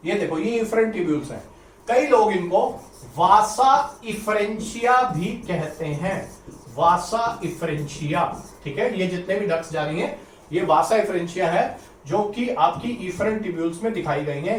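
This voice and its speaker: A man's voice: sits high, a little hiss or hum. A man teaching a biology lesson for exam students, repeating points, drawing out key terms and mixing English words into his explanation. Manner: repeats points, urges students to listen carefully; stretches out key terms slowly. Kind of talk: exam-prep biology lecture. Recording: roomy echo, somewhat distant mic, faint ambience.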